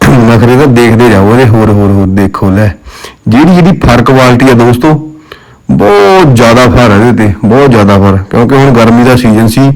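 A man's voice: medium pitch, darkish tone, low-quality recording. A man with a Punjabi accent chatting casually to viewers as a dog breeder presenting on video, addressing them as friends.

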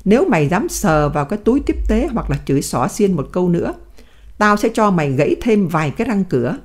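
A stubborn old male prisoner with a dignified bearing, delivering his words in a firm, measured way, voiced by a woman reading the story. The voice sits a little low and close to the reader's own. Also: sing-song, a little mellow. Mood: angry.

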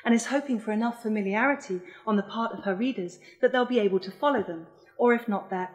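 Measured woman reading her essay aloud. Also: mid-range voice, low-quality recording. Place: lecture hall.

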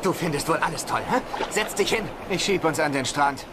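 A man's voice: a little high, animated, fairly quick, heavy background noise, close to an everyday voice. A man dubbing a hot-headed young man in a film, bickering and sarcastic. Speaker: dub actor. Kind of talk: German film dub.

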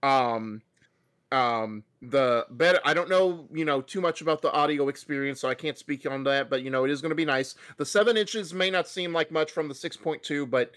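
Casual co-host, man in his thirties, slightly high voice, opinionated and animated, lots of restarts and fillers, video-call sound. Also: moderate pace. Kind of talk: casual gaming news chat. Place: home room.

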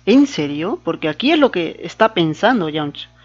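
A man's voice: high voice, sing-song, normal speed, lo-fi sound. A man giving casual commentary on a fan comic, often asking the listener to agree. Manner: questioning, conversational, asks the viewer for agreement.

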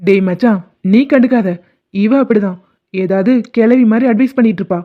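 A man's voice: sits high, fairly quick, lightly acted. A man voicing a sensitive young student who grew up without parents, in a cartoon. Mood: defensive. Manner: pleading, tearful. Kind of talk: animated cartoon voice acting. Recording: tinny phone-like sound.

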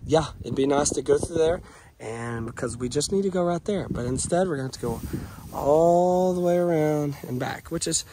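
A man's voice: fairly high pitch, normal speed. A man with a scratchy voice from a cold, casually explaining fence repairs outdoors on his rural property. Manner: easygoing, explains work step by step. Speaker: ranch vlogger. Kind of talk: casual outdoor vlog narration. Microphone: camera-mounted action cam.

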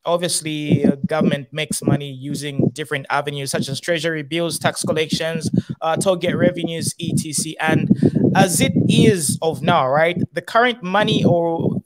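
A young man hosting an interview in a small studio at a stand mic, asking measured questions with frequent pauses. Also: a little high, fairly even intonation, noisy background. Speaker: host.

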